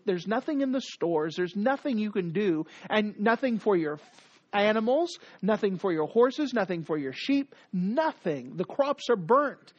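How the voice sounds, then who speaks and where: A preacher delivering a sermon, the pitch leaping and falling with every point. The cadence is emphatic and repetitive, lurching between loud declarations and hushed lines. The sound is dry and dull, like a lo-fi recording. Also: no echo. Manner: dramatic swings from loud to hushed.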